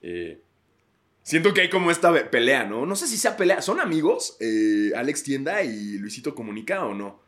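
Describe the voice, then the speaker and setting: A man's voice: medium pitch, sing-song, normal speed, a bit bright. A man with a Mexican accent hosting a podcast, rambling crudely in a casual comedic monologue and laughing often. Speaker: podcast host.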